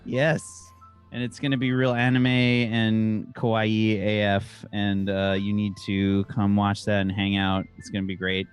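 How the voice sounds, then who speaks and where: Low voiced dude plugging his stream, chill and upbeat, lots of uhs. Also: monotone, measured pace, clear, resonant tone, soft background music. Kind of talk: casual self-promotion.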